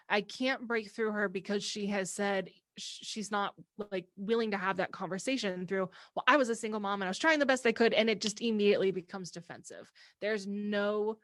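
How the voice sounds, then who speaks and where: A woman in her mid-thirties hosts a casual podcast chat. She talks openly and at length, laughing now and then. Her voice sits in a middle pitch, recorded close and dry with no room sound. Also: fairly bright tone, no echo. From American Midwest. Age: 30s. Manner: candid and talkative, with frequent laughs. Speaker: podcast host.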